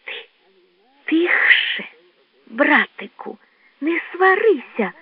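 A woman voicing a timid, gentle young male raccoon who talks softly and slowly. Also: medium pitch, animated, pitched below the performer's own voice, natural voice. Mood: hushed. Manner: soft, hushed and slow. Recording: tinny lo-fi dry recording.

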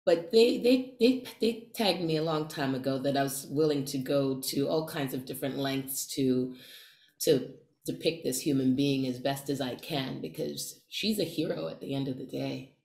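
A woman's voice: a bass voice, normal speed, gravelly, a little mellow, reverberant. A woman actor answering interview questions, thoughtful and searching for words.

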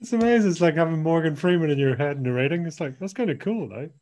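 A man's voice: a little high, animated, fast, a little mellow. A man hosting a podcast interview, chatty and jokey, asking his guest questions. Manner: chatty, jokey, acts out little quoted exchanges. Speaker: podcast host.

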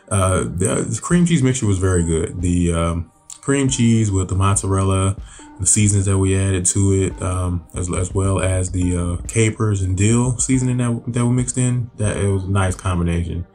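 A man with a very deep, low voice talks through his grilled recipe in an easygoing, rambling way, full of fillers and restarts. Soft background music sits faintly under his voice-over. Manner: relaxed, loose, many fillers and restarts. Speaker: cooking channel host. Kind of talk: casual voice-over narration.

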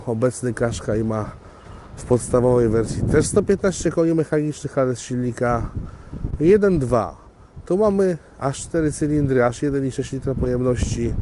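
A man presenting a used car to viewers in a chatty salesman manner, recorded on a camera outdoors on a windy gravel lot. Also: medium pitch. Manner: chatty salesman, upbeat, addresses viewers directly. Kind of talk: casual walkaround car presentation. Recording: outdoor camera audio with wind noise.

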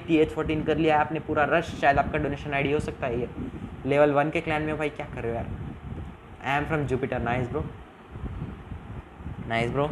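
A man's voice: fairly high pitch, noisy background. A young man hosting a casual live game stream, reading viewer comments aloud, mixing English into Hindi and often pleading for subscribers. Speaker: live-stream gaming host.

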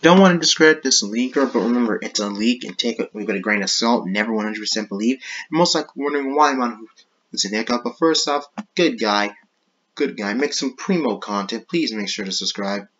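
A gaming YouTuber with an expressive, mid-range, slightly bright voice talks quickly and casually, rambling and often stopping mid-thought to say sorry and change tack. The recording is muffled, with slight background noise.

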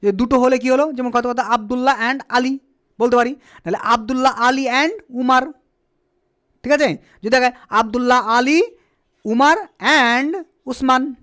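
A man's voice: very high voice, measured pace, fairly bright tone. A man teaching beginner spoken English at a board. His first language is Bengali. He keeps asking the class questions, answers them himself and spells words out letter by letter.

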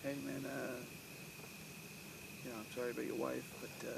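A man's voice: medium pitch, flat delivery, normal speed, creaky. An actor playing an abrasive, edgy male crash survivor, blunt and exasperated, in a horror film. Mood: defensive. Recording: very noisy outdoor night location sound.

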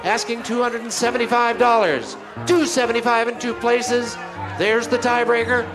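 On stage in a large banquet hall, a middle-aged auctioneer at a live benefit auction chants repeated bids into a handheld microphone running through a PA. His voice is extremely high with fairly even intonation and a normal pace, heard over music.

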